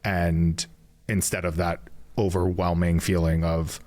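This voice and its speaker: Deep-voiced man hosting an interview. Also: flat delivery, a little mellow. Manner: measured, affirming, summarizing the guest's points. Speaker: podcast host. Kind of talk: reflective interview talk.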